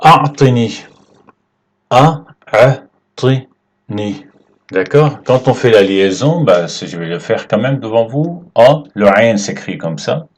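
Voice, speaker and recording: A man teaching Arabic letters at a whiteboard, explaining slowly and patiently and checking in with his students often. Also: fairly low pitch, animated, a little mellow, slightly rough. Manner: slow and patient, checks in with "d'accord?". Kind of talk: whiteboard language lesson.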